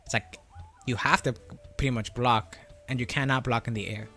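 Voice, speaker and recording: A man's voice: medium pitch, steady tone, normal speed, fairly bright tone. A man whose voice runs through a voice changer, chatting casually as a gaming streamer and explaining things, often checking in with "right?" and "you know?". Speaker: livestreamer answering chat about a fighting game. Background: music.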